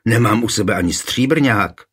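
Man reading as a scared servant girl, quiet and husky, defending herself. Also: on the low side. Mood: frightened. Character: frightened young servant girl.

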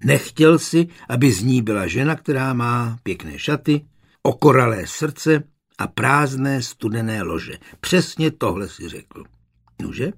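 A man's voice: mid-range voice, animated, slightly rough. A man voicing an earnest young suitor who speaks with determination, in a storybook reading. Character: young man pleading for his beloved.

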